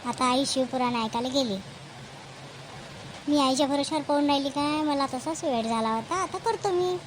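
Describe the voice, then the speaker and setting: A woman's voice: sits high, moderate pace, a little hiss or hum, lightly acted, poor audio. A woman with a Varhadi Marathi accent playing a put-upon young wife and daughter-in-law who pleads and complains in a village comedy skit. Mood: indignant.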